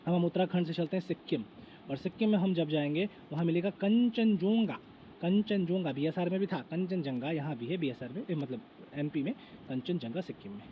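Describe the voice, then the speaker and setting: A man teaching an exam prep lecture, repeating lists again and again and answering his own questions. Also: on the high side. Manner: repeats lists over and over, asks and answers himself. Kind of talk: lecture with repetition drills. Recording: dull lo-fi with faint noise.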